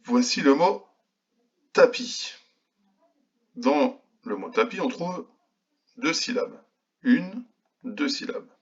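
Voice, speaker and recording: A male kindergarten teacher giving a remote phonics lesson to young children, slowly and patiently sounding out each letter. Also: fairly high pitch, breathy edge, dull audio.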